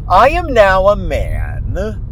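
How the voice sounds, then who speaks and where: 40-something guy rambling to his podcast from the car, voice jumping all over, loud road hum behind him. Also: sits high, huge pitch swings, takes it slowly, low-quality recording. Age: 40s. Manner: rambling, self-deprecating, theatrical asides. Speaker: podcast host. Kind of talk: casual solo monologue. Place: inside a moving car. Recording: road noise from a driving car.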